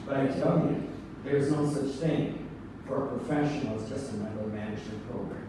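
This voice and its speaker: A man giving a live seminar on public speaking in an animated, joking storytelling way, recorded from afar in a large room with an audience. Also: medium pitch, fairly quick, very noisy. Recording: echoey hall, mic far off.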